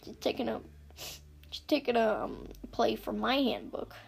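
A woman hosts a casual podcast, speaking into an iPad in a fairly high voice roughened by frequent fry. She talks in a loose, rambling way, breaking off mid-sentence and tossing in giggly asides. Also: normal speed. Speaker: podcast host recapping books. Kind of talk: casual chat.

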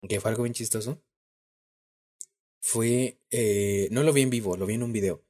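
A man's voice: fairly low pitch, normal speed, dark tone. Slangy Mexican man telling a story. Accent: Mexican Spanish. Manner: slangy storytelling, laughs often. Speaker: podcast co-host. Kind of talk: casual chat.

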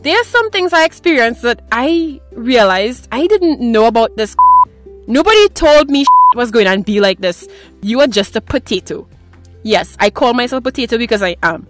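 A woman's voice: fairly high pitch, lively intonation, normal speed, soft background music. A woman in her twenties hosting her own podcast from a closet at home, talking in a chatty, rambling, self-mocking way. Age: 20s. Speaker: podcast host. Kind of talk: casual solo podcast chat. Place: small clothes closet at home.

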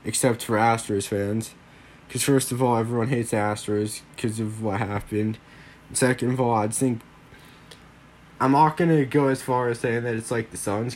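Still shaking off a cold, this young solo sports podcaster sounds slightly worn as he rambles along with plenty of fillers. He speaks at a medium pitch with a darkish tone.

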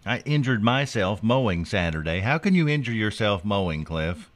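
A man with a slightly deep voice hosts casual radio banter. His pitch swings widely as he tells stories in a wry, teasing, comic way. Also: sing-song, moderate pace. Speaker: radio morning show host.

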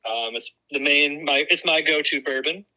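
A man's voice: fairly high pitch, normal speed, bright, forceful tone. A man calling in over a speakerphone, chatting casually in a laid-back way with frequent hesitations. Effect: heard over a speakerphone call. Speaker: caller, longtime listener. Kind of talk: casual chat. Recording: noisy phone line.

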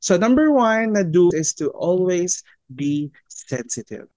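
Filipino male teacher co-host; chatty, expressive, code-switching, recorded dry and close. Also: high-pitched, takes it slowly, no room sound. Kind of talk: casual chat.

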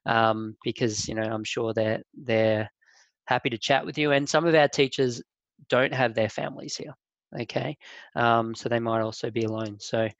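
A man who is a teacher, hosting a school podcast in a halting, rambling way. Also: mid-range voice, fairly bright tone, dry recording. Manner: rambling, halting, many fillers. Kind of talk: casual podcast talk. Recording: dull lo-fi dry sound.

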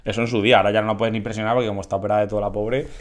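Animated man telling a story. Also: fairly low pitch, rapid-fire. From Spain. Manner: animated, acts out quotes of others. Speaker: podcast co-host. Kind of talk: casual comedic storytelling.

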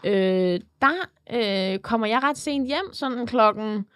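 High-pitched young woman telling a story. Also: no echo, clean studio sound. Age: 20s. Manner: animated storytelling, swearing. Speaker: podcast co-host. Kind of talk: casual chat.

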